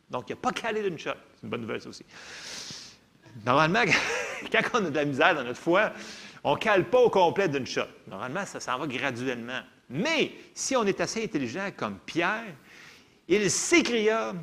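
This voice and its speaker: A man preaching a sermon with a Québécois accent, talking to the congregation in a lively, conversational way and often checking in with "ok?". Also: a little high, gravelly. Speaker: pastor.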